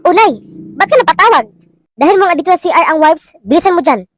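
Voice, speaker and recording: A woman's voice: very high-pitched, expressive, a little fast, dry recording. A woman with a Filipino accent acting out short comic skits, switching between characters. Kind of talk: comedic POV skits playing many characters.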